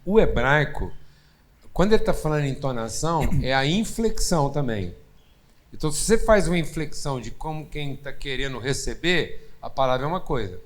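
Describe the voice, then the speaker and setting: A man's voice: on the high side, lively intonation, a little fast. A Brazilian man co-leading a sermon dialogue, speaking with firm, affirming conviction. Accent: Brazilian Portuguese. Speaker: co-host pastor.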